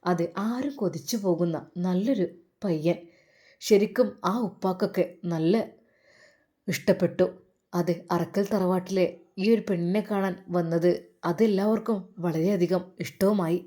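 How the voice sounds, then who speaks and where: A woman's voice: lowish voice, a little slow, dark tone. Woman narrating a dramatic family story. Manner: dramatic, shifts between narration and character voices. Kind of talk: storybook narration with acted voices.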